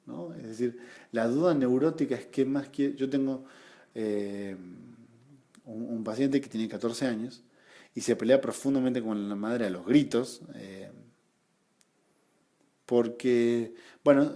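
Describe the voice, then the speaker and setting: A man's voice: medium pitch, a little slow, long pauses, mellow. A man with an Argentine Spanish accent teaching a study group in an explanatory lecture, often adding rhetorical tag questions and repeating points for emphasis.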